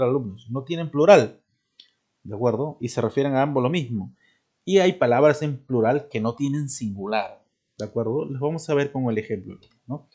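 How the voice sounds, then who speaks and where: A man's voice: medium pitch, darkish tone, breathy edge. A male teacher giving a recorded grammar lesson, explaining step by step and checking in with his students.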